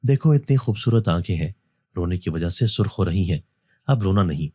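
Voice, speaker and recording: A man voicing a mysterious young male jinn with a heavy, gentle, soothing voice. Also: low-pitched, animated, breathy edge, dry recording.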